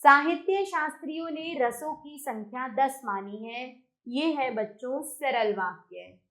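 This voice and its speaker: Slow, high-voiced woman teaching children. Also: a bit bright. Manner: addresses children directly, reads exercises aloud slowly. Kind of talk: textbook lesson explanation.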